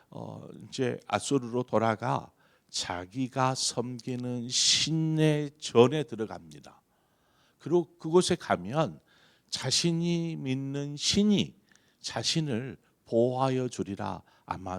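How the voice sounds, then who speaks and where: A man's voice: mid-range voice, vocal fry, a little mellow. A middle-aged man, a pastor, preaching an early-morning prayer sermon with earnest emphasis. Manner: earnest preaching, rising emphasis on key phrases.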